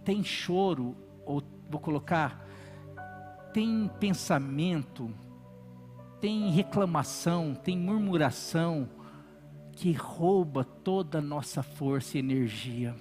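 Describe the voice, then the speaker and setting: A man's voice: a little high, expressive, slow, darkish tone, soft background music. A male pastor preaching a sermon emphatically, acting out quoted voices.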